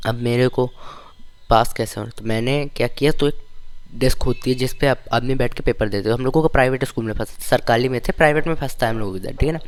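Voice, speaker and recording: A young man casually telling stories from his school days, with a lively, slangy, complaining manner. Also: medium pitch, fast. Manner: animated, slangy, complaining storytelling. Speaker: vlogger.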